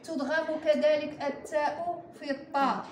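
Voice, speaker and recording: A woman with a Moroccan Arabic accent and a high voice teaches Quran recitation to a class, patiently and slowly drawing out each example word as she models it. She quizzes her students and prompts their answers, in an echoey room with steady background noise.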